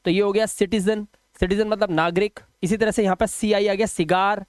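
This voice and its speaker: This spoken video lesson features a male English teacher whose high, smooth voice keeps fairly even intonation at normal speed. He quizzes students and supplies the answers himself, lingering on letter sounds as he spells, in clean studio audio with no room sound.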